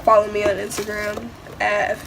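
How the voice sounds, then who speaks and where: A woman's voice: mid-range voice, completely flat delivery, normal speed, vocal fry, background noise. A teenage girl vlogging an unboxing in a casual, rambling way, sick and stuffed up. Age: teens. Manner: rambling, many fillers.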